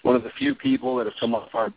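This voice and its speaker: A man's voice: very high-pitched, huge pitch swings, fast, creaky, no echo. A man hosting a radio show in a casual, joking way over a call line that keeps breaking up and cutting out. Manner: easygoing, joking, with filler words. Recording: dry, tinny phone-line audio.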